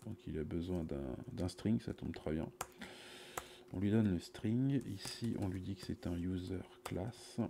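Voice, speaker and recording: A middle-aged man giving a casual, improvised live coding commentary, halting and muttering to himself as he works, recorded on a cheap USB mic. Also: low-pitched, gravelly, mellow, a little hiss or hum. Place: small indoor room at a computer. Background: computer keyboard typing.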